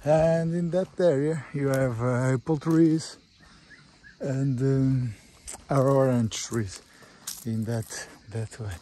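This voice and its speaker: This male estate agent, who has a Portuguese accent, shows a rural farm property informally, speaking halting, simple English in short bursts. The pitch is medium and the tone steady and mellow. It's an outdoor recording on a phone or camera in his hand, with a little background noise.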